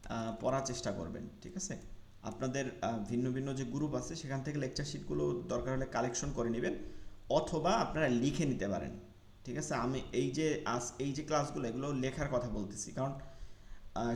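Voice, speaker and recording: A man with a Bangladeshi Bengali accent teaching Quran recitation in an online class, slowly repeating Arabic letter sounds for students to copy. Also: medium pitch, darkish tone. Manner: drawn-out repeated letter drills. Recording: echoey room.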